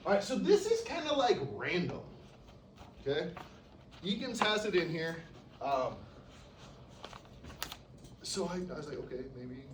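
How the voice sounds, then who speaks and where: A male instructor giving a casual classroom lecture, often checking in with "okay?" and acting out patients. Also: mid-range voice. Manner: casual, peppers sentences with "okay?", acts out patients. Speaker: respiratory therapy instructor. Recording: roomy, distant classroom recording with noise.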